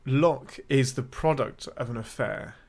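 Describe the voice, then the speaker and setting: A man's voice: medium pitch, measured pace, vocal fry, darkish tone. English man musing aloud about a film. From England. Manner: thinks aloud, self-correcting, hedging with "I think". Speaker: podcast co-host. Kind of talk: casual film-discussion chat.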